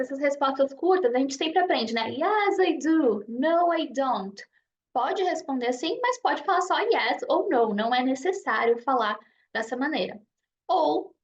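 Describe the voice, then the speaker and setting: A woman from Brazil teaching a beginners' language lesson, explaining patiently and slowing down to model example phrases. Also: high-pitched, dull audio. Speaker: English teacher.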